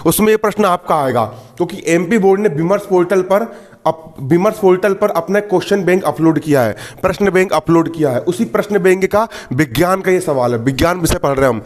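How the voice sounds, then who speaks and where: Man, young adult, high pitch, science tutor, repetitive call-and-response teaching. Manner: repeats questions to the class and answers them himself; joking asides to students. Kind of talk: exam-prep lesson.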